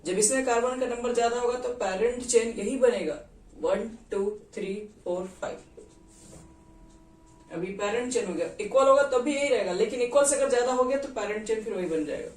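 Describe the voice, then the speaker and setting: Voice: medium pitch, a little fast, darkish tone. A chemistry teacher gives a classroom lecture, quizzing students and counting out carbon atoms one by one. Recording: echoey room, distant mic, faint noise.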